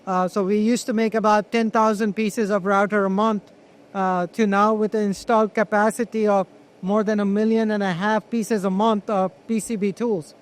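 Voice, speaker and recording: A man being interviewed as a manufacturer, explaining products conversationally in a halting way, with repeated words. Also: high-pitched, level tone. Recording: clear ambient noise on location.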